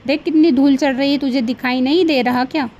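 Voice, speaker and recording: A woman's voice: sits high, steady tone, fairly quick, a little mellow, dull audio, a little hiss or hum, natural voice. A woman voicing a bossy, demanding middle-aged mother-in-law in a cartoon, with a nagging, scolding manner.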